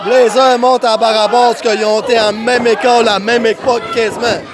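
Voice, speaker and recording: A man giving live play-by-play as a wrestling commentator, excited and exclamatory, often shouting. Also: very high-pitched, normal speed. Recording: noisy crowded venue, loud crowd behind. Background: crowd and event noise.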